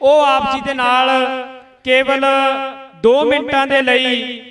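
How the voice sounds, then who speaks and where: A man's voice: very high voice, little pitch movement, slow pace, fairly bright tone, distant mic, faint music behind. A man announcing groups and speakers at a rally stage in a formal, courteous way.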